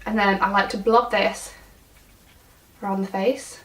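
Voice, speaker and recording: A woman's voice: medium pitch, steady tone, measured pace, fairly bright tone. Nasal, rambling woman. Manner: chatty and rambling, many ums. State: recovering from illness, swollen glands. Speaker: beauty YouTuber. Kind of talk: casual makeup tutorial chat. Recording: somewhat distant mic, faint music.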